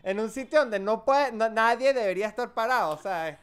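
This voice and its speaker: A man with a Venezuelan Spanish accent chats casually as a podcast co-host. His voice sits fairly high and comes through smooth and clear as he tells animated stories and acts out quotes. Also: normal speed. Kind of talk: casual chat.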